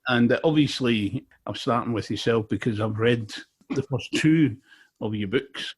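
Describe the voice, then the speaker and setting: A middle-aged man from Glasgow, Scotland, a native Scots speaker with a Glaswegian accent, chats casually as a podcast interviewer. His voice is medium-pitched and slightly rough, at a measured pace.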